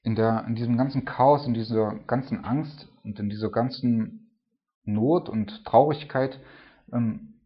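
A man's voice: mid-range voice, fairly even intonation, measured pace. Man, sermon, conversational preaching, frequent "so" and "ne?" fillers, slightly muffled lo-fi sound. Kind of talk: sermon on a psalm.

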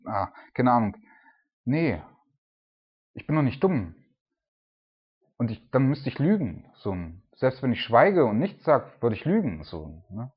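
A man's voice: medium pitch, breathy edge, highs cut off. A man reading scripture and then explaining it in a casual, talkative way, with many tag questions and fillers. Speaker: preacher. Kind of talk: Bible reading and devotional commentary.

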